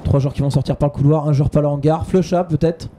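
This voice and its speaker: A man's voice: a little high, steady tone, fast talker, warm tone. A man giving live play-by-play commentary on an esports match.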